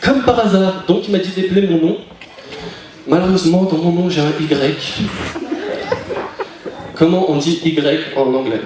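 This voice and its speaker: A young man from France performing stand-up comedy, chatty and animated, now and then putting on character voices. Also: a little high, unhurried, pauses often. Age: young adult. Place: live comedy venue, audience. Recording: echoey hall, far mic, crowd laughing.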